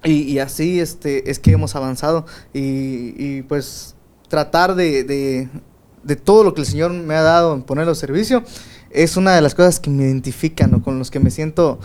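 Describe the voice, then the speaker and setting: A man's voice: fairly high pitch, normal speed, darkish tone. A man with a light, boyish voice chatting casually in a home studio, rambling with fillers and laughing often. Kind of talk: casual chat.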